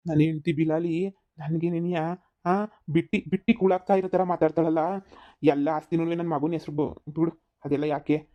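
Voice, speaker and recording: A woman's voice: low voice, flat delivery, moderate pace, dull audio, natural voice. A woman voicing a stubborn, self-pitying old village father-in-law in a cartoon comedy, grumbling and complaining. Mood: sulky. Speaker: cartoon voice actor.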